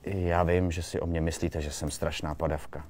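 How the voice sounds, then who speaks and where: A man's voice: very deep voice, flat delivery, a little mellow, slight background noise. A man reading the lines of a proud, easily embarrassed young man in a short story, touchy and defensive.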